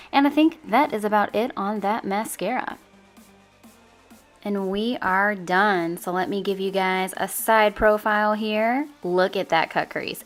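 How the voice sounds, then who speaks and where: A woman's voice: medium pitch, a bit bright. A chatty woman with a lilt walks viewers through a makeup look step by step. She sounds upbeat and friendly, speaking straight to her audience as if they were her girlfriends. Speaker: beauty channel host. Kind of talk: makeup tutorial.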